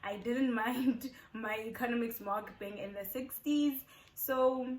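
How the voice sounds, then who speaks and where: A woman's voice: on the high side, unhurried, darkish tone. Chatty young South African woman, echoey room. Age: 20s. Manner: chatty, repeats herself for emphasis. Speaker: YouTuber. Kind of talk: casual get-to-know-me chat.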